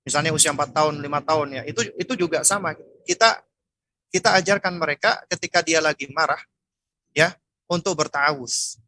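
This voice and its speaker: A man giving a religious parenting lecture as a preacher, often pausing to search for words and restarting phrases. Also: on the high side, sharp tone, dry recording. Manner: many fillers and restarts while searching for words. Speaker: Islamic preacher.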